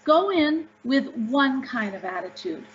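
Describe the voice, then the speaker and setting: A woman's voice: high-pitched, big pitch swings, measured pace, a little hiss or hum. A woman author answering interview questions, upbeat and emphatic as she tells stories. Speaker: author guest. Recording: dull lo-fi audio.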